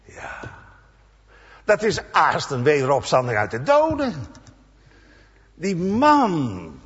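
Guy preaching in church, takes his time, husky voice, big echo, kinda muffled recording. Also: on the high side, wildly swooping pitch, a bit bright. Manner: slow, emphatic preaching with dramatic voiced quotes. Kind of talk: sermon. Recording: dull sound with long church reverb.

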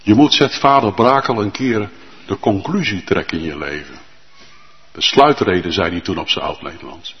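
A male pastor preaching a sermon with fervent emphasis and drawn-out, emphatic lists. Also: sits low, long reverb tail, lo-fi sound.

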